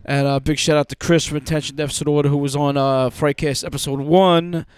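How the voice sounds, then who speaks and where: A man's voice: fairly high pitch, little pitch movement, fairly quick, smooth, no echo, studio quality. A man hosting a podcast in a casual, informal chat style. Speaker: podcast host.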